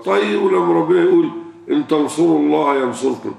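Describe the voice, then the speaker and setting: A man's voice: on the high side, fast, gravelly, a little mellow. An older man with an Egyptian Arabic accent, a sheikh answering questions in a religious sermon, who asks rhetorical questions and repeats key words for emphasis. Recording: echoey room, far from the mic.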